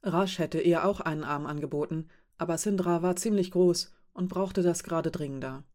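A woman reading a novel aloud in calm, measured narration. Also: on the low side. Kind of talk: scripted audiobook narration.

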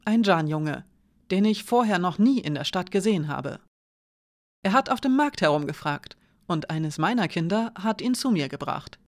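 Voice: mid-range voice, lively intonation, normal speed, no echo, close to an everyday voice. A reader voicing a shrewd, proud female merchant who bargains curtly, in a dry close recording. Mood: hushed. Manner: curt, sharp, then softly solemn. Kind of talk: audiobook character reading.

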